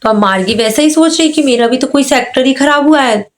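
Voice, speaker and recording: Woman teacher, Hindi accent, fairly high voice, slowly reads English lines aloud and then restates them. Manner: explains line by line, reading English slowly then paraphrasing. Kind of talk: lesson explaining an English story in Hindi.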